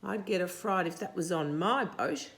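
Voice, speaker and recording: Reading a picture book aloud to small children, a storytime host in her sixties uses a fairly low pitch and an expressive, deliberate delivery. She breaks off now and then with questions and asides for her young audience.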